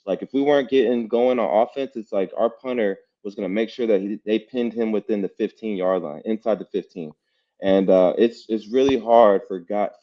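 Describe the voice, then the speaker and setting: A man co-hosting a casual sports talk show, talking loosely with lots of "you know" and repeated phrases. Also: on the low side. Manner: relaxed, repeats himself, many "you know"s. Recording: dull lo-fi sound.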